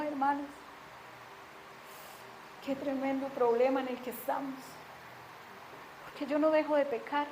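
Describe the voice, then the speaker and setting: A middle-aged woman preaching a sermon and telling her own testimony, earnest, swinging from hushed confessions to emphatic declarations. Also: high voice, a little hiss or hum.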